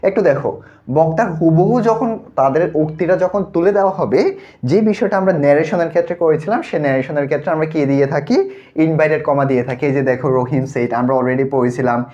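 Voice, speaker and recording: A male teacher with a Bangladeshi Bengali accent walks through a grammar lesson, asking questions and answering them himself. His voice sits a little high for a man. The recording is dull and lo-fi. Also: a little mellow. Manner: explains step by step, asks and answers his own questions. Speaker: English teacher. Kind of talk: online class lesson.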